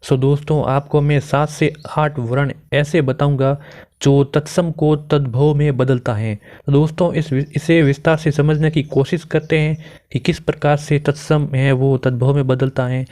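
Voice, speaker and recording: Here a young Hindi grammar teacher preps students for exams, raising questions and answering them himself. He speaks on the high side with fairly even intonation, a moderate pace, and a warm tone.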